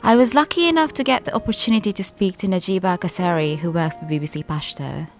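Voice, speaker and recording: A woman narrating a documentary in a measured, scripted voice-over. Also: lowish voice, faint music behind.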